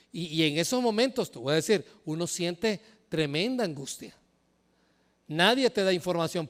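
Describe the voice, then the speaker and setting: High-voiced pastor preaching in a reverberant hall. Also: male voice, clean tone. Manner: impassioned preaching, sudden loud emphatic rises. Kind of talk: sermon. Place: church hall.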